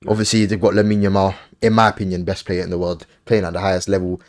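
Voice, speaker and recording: A man hosting a casual football podcast, briskly running through lists and giving offhand opinions. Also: sits low, monotone. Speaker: podcast host.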